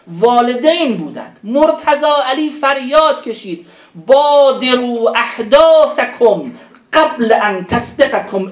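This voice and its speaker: A man preaching a religious sermon, impassioned, pleading with rhetorical questions and reciting verses in Arabic. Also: very high-pitched. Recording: roomy echo.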